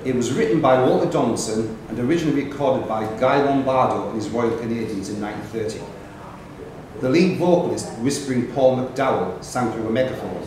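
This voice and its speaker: A man in a mid-range voice serves as quiz master in an indoor pub quiz room, reading questions aloud briskly and calling on players by name. The room is very echoey, with clear chatter and background noise.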